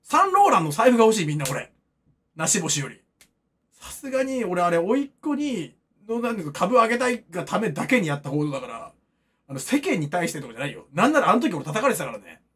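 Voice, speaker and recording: A man's voice: sits high, big pitch swings, fast, fairly bright tone, breathy edge. A man in his thirties, a streamer, rambling and joking as he reacts to chat comments in a casual stream. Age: 30s.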